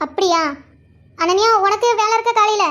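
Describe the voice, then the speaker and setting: A performer voicing a loving, chatty grandmother in a family cartoon who fusses over and gently teases her family. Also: extremely high pitch, moderate pace. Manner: fussing, gently teasing. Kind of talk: cartoon voice acting.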